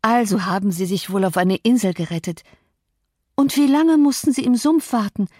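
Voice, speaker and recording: A gossipy middle-aged housemaid from a storybook reading, put on by a woman narrator, pitched well above her usual speaking voice. She chatters on eagerly about rumours. Dry, close recording with no room sound. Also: lively intonation, moderate pace, warm tone, no echo, natural voice.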